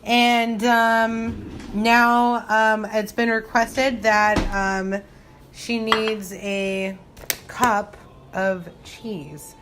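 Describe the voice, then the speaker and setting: This woman draws out her words in a fairly high, flat voice while doing an informal cooking demo at home, giggling and musing aloud as if a little tipsy. Kitchen sounds make the home recording noisy.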